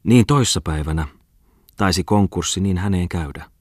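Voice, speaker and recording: A man's voice: low-pitched, darkish tone, breathy edge, no room sound, clean studio sound. A man voicing a blunt, matter-of-fact woman cook in a storybook reading. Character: blunt female kitchen cook.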